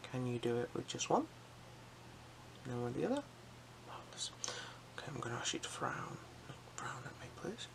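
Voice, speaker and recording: In a breathy whisper blended with soft speech, an ASMR performer plays an eye examiner and gives gentle, unhurried, reassuring instructions. The voice sits in the mid range, and there is background noise.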